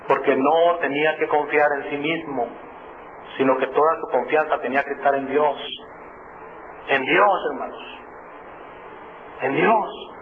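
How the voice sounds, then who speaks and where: High-pitched guy preaching, earnest, keeps saying brothers, echoey tinny radio sound. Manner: earnest, repeats key phrases, addresses listeners as brothers. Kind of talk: sermon. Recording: echoey tinny phone-like radio broadcast with noise.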